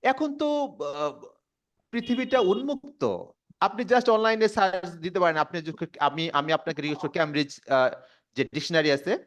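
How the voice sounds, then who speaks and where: A man with a Bangladeshi accent teaching English pronunciation to a class, repeating words slowly and quizzing the students. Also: high voice. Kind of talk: classroom lesson. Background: students responding.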